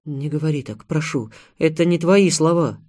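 A man's voice: a little high, normal speed, a little mellow, no room sound, clean studio sound, close to an everyday voice. A man reading an audiobook, voicing a frightened young woman who pleads in a trembling voice. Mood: pleading.

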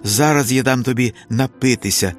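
A man's voice: on the low side, expressive, unhurried, soft background music, pitched above the performer's own voice. A man voicing a grief-stricken peasant who pleads and cries out, in an audiobook reading. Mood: desperate. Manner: cries out, begs, self-reproaching.

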